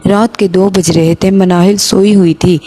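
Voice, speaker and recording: A woman narrating a moral story in a steady, earnest manner. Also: medium pitch.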